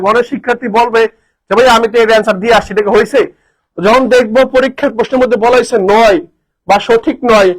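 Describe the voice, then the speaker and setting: A man teaching a live online lesson, energetic, repeating answers and quizzing his students. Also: very high-pitched, low-quality recording. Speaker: admission coaching teacher.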